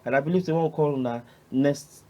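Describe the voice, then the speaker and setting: A man's voice: fairly high pitch, quick pace, warm tone, highs cut off. A Nigerian man hosting a talk show in Pidgin, addressing his panel and viewers.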